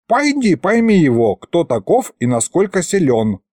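A man's voice: a little high, big pitch swings, moderate pace, a little mellow, no echo, studio quality, voice pushed up. Man voicing a pompous old-fashioned ghost sorcerer. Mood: grumbling. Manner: self-important, archaic wording.

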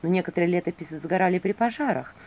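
A woman narrating a fairy-tale audiobook in an expressive, animated storytelling manner. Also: lowish voice, fast, slight background noise.

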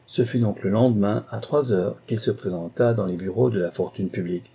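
A man narrating a classic novel as an audiobook in a measured, steady manner. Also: lowish voice, vocal fry, husky.

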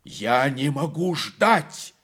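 A man voicing a young nobleman, desperate and urgent, pleading loudly in an audiobook. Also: on the high side, measured pace, voice pushed up, close to an everyday voice.

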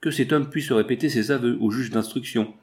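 A man's voice: medium pitch, fairly quick, a little mellow, lightly acted. A man voicing a stern police agent speaking in firm official tones in a read-aloud novel.

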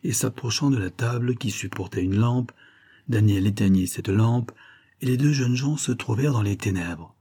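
A man reads a classic novel aloud in a measured, steady way. His voice is low, dark and warm, with a husky grain. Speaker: audiobook narrator. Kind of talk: scripted narration of a classic novel.

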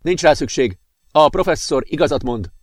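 Guy reading a calm earnest young guy explaining stuff, pretty bright tone. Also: fairly high pitch, no room sound, studio quality.

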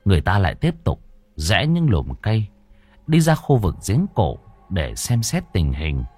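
A man's voice: deep voice, huge pitch swings, normal speed, a little mellow, slightly rough, soft background music. A man narrating a ghost story with a dramatic delivery.

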